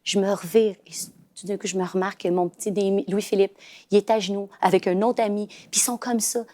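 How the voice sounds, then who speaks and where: A warm, medium-pitched voice with fairly even intonation belongs to a fast-talking woman in her thirties from Québec, telling family stories on a casual talk show. She uses many fillers and often starts over.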